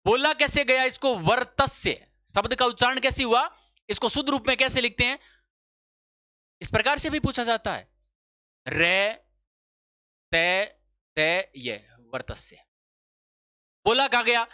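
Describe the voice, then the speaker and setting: A man's voice: extremely high pitch, fairly quick, bright, forceful tone, no room sound. A man teaching a Hindi grammar lesson for exam preparation. He asks questions, answers them himself, repeats the key points and checks that the class has understood. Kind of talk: exam-prep spelling lesson. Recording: dull lo-fi sound.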